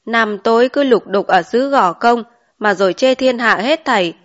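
A woman voicing a young man back from the city, a chauffeur, in an audiobook, relaxed and plain-spoken. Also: a little high, moderate pace, natural voice. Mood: boastful. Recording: dull lo-fi recording.

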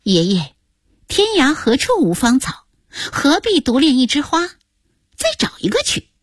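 A woman's voice: wildly swooping pitch, unhurried, no room sound, exaggerated voice. A woman putting on a cheeky little granddaughter. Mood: coaxing. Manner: high, chirpy, giggly. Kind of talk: radio storytelling.

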